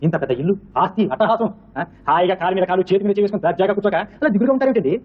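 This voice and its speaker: A man speaks fast in a comic sketch, his voice very high and swinging widely in pitch. He sounds animated and exclamatory. The sound is a bit dull and lo-fi.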